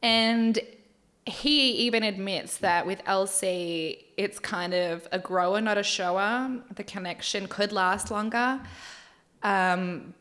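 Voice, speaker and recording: A young woman chats her way slowly through a recap on her podcast, unhurried and a bit worn out. She is candid and laughs easily, and she drops swear words without a second thought. Her pitch sits right in the middle. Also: fairly bright tone. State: tired. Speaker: podcast host recapping a dating show. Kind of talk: casual chatty recap.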